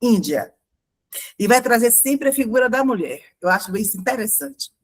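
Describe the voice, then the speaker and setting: A woman's voice: on the high side, lively intonation, normal speed. A Brazilian woman pastor with a Brazilian Portuguese accent, preaching in a conversational sermon style full of fillers and rhetorical questions. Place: church.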